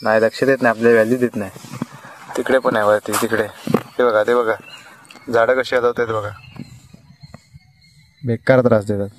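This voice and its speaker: A young man talks casually into his phone camera while standing outdoors on a village hill. He points out the view to his viewers and calls out to animals and children along the way. His pitch sits in the ordinary middle range for a man. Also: level tone, moderate pace, pauses often. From Konkan, India. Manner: chatty, explains the view, calls out to animals and kids. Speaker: village vlogger. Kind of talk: casual vlog talk to viewers. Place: outdoors on a village hilltop at evening. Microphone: phone camera held while filming.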